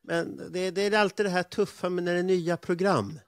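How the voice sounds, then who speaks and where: Chatty podcast host, dry close sound. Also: male voice, sits high, fairly even intonation, no echo. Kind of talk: casual live podcast chat.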